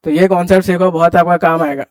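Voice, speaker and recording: Brisk high-voiced male classroom teacher. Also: steady tone, no room sound. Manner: brisk, quizzing students and urging them to hurry. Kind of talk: classroom grammar lecture.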